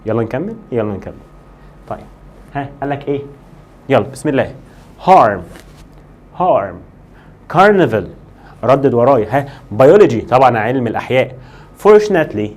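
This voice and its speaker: A man with an Egyptian Arabic accent teaching an English lesson, switching between Arabic and slow, drilled English words and voicing students' questions himself. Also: medium pitch, very animated, darkish tone. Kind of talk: lively classroom lesson.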